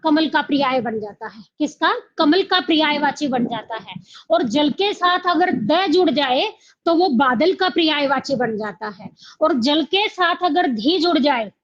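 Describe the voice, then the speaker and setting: Woman teacher, high voice, asks then answers herself, slows down on key words, kinda muffled lo-fi sound. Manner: asks the class questions and answers them herself; repeats key words slowly. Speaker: Hindi teacher. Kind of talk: exam coaching lecture.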